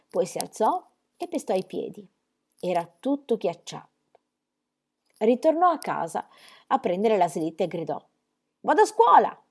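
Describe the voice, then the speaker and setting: Expressive woman reading a storybook. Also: mid-range voice. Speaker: reader. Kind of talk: audiobook reading of a children's novel.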